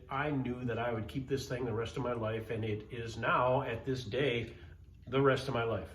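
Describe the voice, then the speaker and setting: A man's voice: mid-range voice, fairly bright tone. A man in his fifties hosting a casual vlog to camera, rambling and correcting himself as he talks enthusiastically in an indoor workspace. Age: 50s. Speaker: channel host. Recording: roomy echo, faint background hiss.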